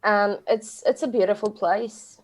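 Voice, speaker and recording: A woman from Poland with a Polish accent, chatting casually on a podcast in slightly halting non-native phrasing. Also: medium pitch, steady tone. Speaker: podcast co-host. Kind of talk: casual chat.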